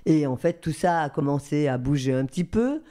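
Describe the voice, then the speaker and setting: An older woman from southern France, a guest voice actress telling lively anecdotes and acting out the people she quotes. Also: low-pitched, a little fast. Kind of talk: anecdotal storytelling.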